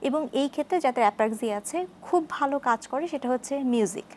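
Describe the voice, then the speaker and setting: A woman speaking as a speech therapist guest on a studio talk show, explaining in a measured way and repeating key terms. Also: high voice, a little mellow, slight background noise.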